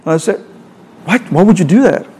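This sermon comes from a middle-aged Salvadoran man whose high voice is animated, brisk, dark and slightly rough. Preaching earnestly in a Salvadoran Spanish accent, he repeats phrases and asks rhetorical questions.

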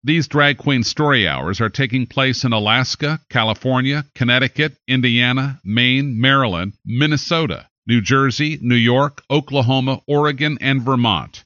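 A man's voice: mid-range voice, normal speed, hardly any pauses, sharp tone, no room sound, highs cut off. An American man reading scripted news in an emphatic, dramatic announcer style. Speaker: news anchor.

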